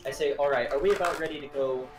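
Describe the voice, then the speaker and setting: A man's voice: mid-range voice, steady tone, fast, music in the background. A man playing in a tabletop role-playing game, talking in an enthusiastic, goofy way. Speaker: player. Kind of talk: casual chat during a tabletop game.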